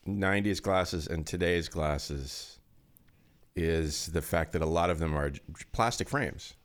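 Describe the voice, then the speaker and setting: A man with a very low voice, still groggy with morning voice. He chats casually on a podcast with a wry, relaxed delivery that tends to trail off mid-thought. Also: measured pace. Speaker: podcast co-host. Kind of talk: casual chat.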